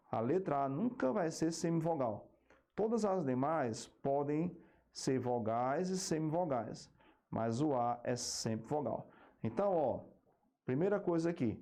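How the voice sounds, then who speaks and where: A man with a mellow, warm voice teaches an exam-prep grammar lesson in Brazilian Portuguese. He takes each point step by step, drawing words out slowly and dropping in quick tag questions to check that the class is following. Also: mid-range voice.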